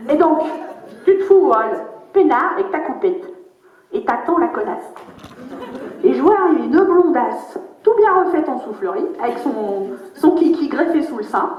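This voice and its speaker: In a stand-up character monologue, a woman plays a crude, spiteful old grandmother who is foul-mouthed and gleefully mocking. Her high-pitched voice has lively intonation and a slightly slow pace, and the room sounds dull and echoey.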